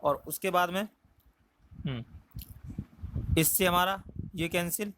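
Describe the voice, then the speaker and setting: A male maths teacher works through a circle problem on the board step by step, asking rhetorical questions and pausing with thinking fillers. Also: high voice, a bit bright, a little hiss or hum. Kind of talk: whiteboard maths lesson.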